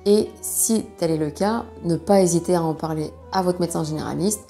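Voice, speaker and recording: Female educator, very low register, mellow and creaky, measured explainer delivery with pauses. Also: soft background music. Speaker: sexologist presenting a video.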